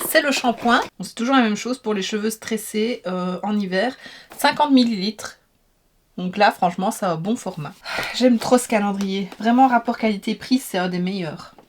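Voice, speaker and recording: A woman's voice: mid-range voice, normal speed, a little hiss or hum. A young woman, chatting casually and enthusiastically as she unboxes beauty products, with many fillers. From Belgium. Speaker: beauty vlogger.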